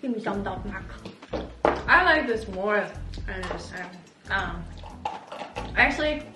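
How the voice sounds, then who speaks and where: A woman's voice: medium pitch, lively intonation, a little slow. A woman casually tasting food on a vlog, talking while eating, blunt and hesitant. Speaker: vlog co-host. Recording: echoey room with music behind. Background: music.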